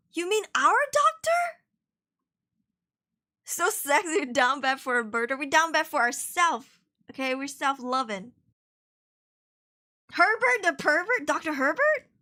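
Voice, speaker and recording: A young woman VTuber streams a horror game in a high, sharp-toned voice. She's chatty and jumpy, swearing and laughing as she plays, and sounds sniffly from a cold.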